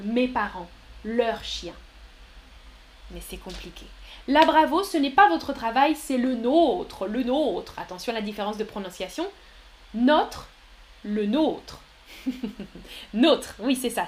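A woman's voice: on the high side, expressive, a little slow, a little hiss or hum. A woman teaching French on a live stream, patiently explaining grammar with examples and often praising viewers' answers. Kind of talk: live-stream language lesson answering chat.

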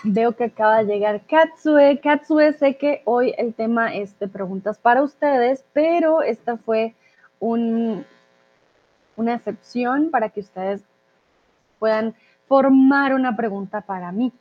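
A woman from Colombia, a language teacher, casually answering viewer questions in a live chat, often pausing on "eh". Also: fairly high pitch. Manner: chatty, with frequent "eh" fillers. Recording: thin phone-like audio.

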